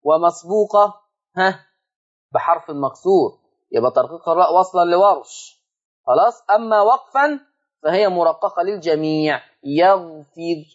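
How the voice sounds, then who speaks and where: A man's voice: high voice, animated, moderate pace. Egyptian man, quran teacher, patient step-by-step explanation, stretched-out demo words, muffled lo-fi broadcast sound. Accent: Egyptian Arabic. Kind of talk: televised lesson on Quran reading. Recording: dull lo-fi broadcast audio.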